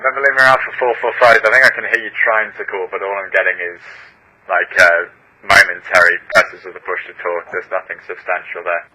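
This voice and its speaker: A man's voice: deep voice, level tone, fairly quick, sharp tone, rough recording. A man working as an air traffic controller, speaking clipped, procedural and firm phraseology over a radio channel. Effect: radio transmission.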